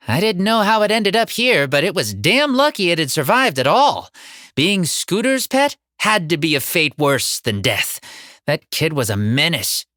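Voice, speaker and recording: A woman narrating a first-person horror comedy audiobook in an expressive, dramatic way with comic timing, on a close studio mic. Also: lowish voice, no echo.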